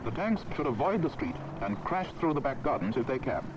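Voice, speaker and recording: A British man narrates a military training film from a script, formal, authoritative and precisely enunciated, in a mid-range, sing-song voice at a fairly quick pace. The soundtrack is dull and old, with background noise.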